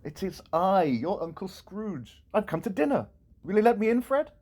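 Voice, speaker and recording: An actor playing an elderly reformed miser in an audio drama, with theatrical, exclamatory Victorian speech. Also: male voice, high-pitched, very animated, moderate pace, darkish tone, full character voice. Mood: joyful, tentative. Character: elderly reformed miser, giddy with joy and eager generosity.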